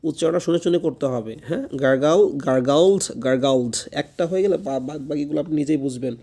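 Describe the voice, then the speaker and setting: A man leads a spoken English lesson with a gravelly, somewhat high voice. He drills each word again and again and often stops to check that his students are following. His tone stays dark and mellow. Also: quick pace. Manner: repeats each word several times, asks "ঠিক আছে?" to check understanding. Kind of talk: classroom lesson with drilled repetition.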